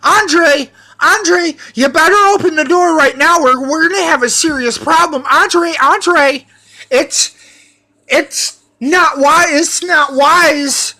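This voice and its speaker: A man voicing a stern female police officer who repeats loud, insistent warnings. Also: extremely high pitch, slow pace, pitched above the performer's own voice, heavily acted. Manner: repetitive warnings, raised voice.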